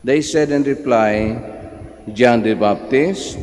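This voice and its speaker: A male priest reading the Gospel at Mass in a slow, measured way, heard with a cathedral echo in a large church. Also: mid-range voice, darkish tone. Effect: cathedral echo, long church reverb. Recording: long church reverb with faint ambient noise.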